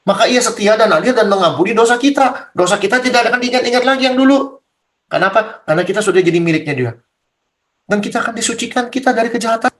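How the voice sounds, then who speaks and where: Man, pastor, Bible study teacher, blunt, colloquial, rhetorical questions, fairly high voice. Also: fast talker.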